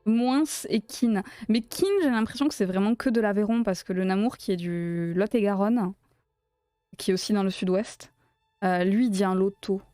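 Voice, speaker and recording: A woman's voice: medium pitch, moderate pace, mellow, no room sound, studio quality. A woman from south-west France with a south-west French accent, chatting casually and playfully on a crochet live stream and laughing often as she answers her chat.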